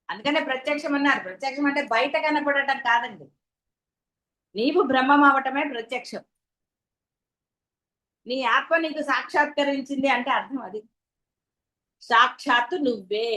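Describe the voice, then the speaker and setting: High-voiced woman giving a devotional talk. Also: fairly bright tone, low-quality recording. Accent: Telugu. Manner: rhetorical questions to listeners. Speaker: spiritual teacher. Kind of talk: devotional discourse.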